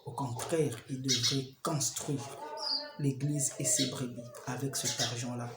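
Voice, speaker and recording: A man's voice: mid-range voice, fairly even intonation, unhurried, heavy background noise. A man with a Congolese French accent giving informal preaching advice, conversational, with rhetorical questions and chuckling asides. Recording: roomy hall with crowd behind.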